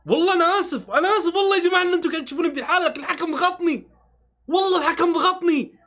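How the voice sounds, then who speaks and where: A man reacts live to a football match in a very high voice. He swears oaths, begs the players to score and argues with the referee as he goes. It is an excitable, emotional fan reaction. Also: rapid-fire.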